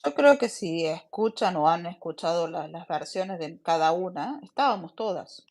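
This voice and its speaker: A woman's voice: fairly low pitch, moderate pace, darkish tone. A woman answering an interview question, insistent and repeating her point.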